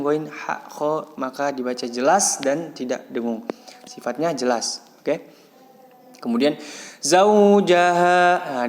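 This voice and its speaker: A man teaching Quran recitation rules patiently, breaking off to chant Arabic words slowly and louder. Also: mid-range voice, in a large hall. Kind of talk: tajwid lesson, explaining then chanting words.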